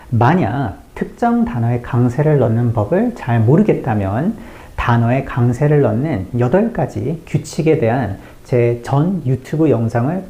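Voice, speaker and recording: A patient English teacher whose first language is Korean, walking through sentence stress one word at a time. The pace is unhurried and the pitch rises and falls widely. The tone is mellow and warm. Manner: patient step-by-step explaining, slowly spelling out example sentences. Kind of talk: online language lesson.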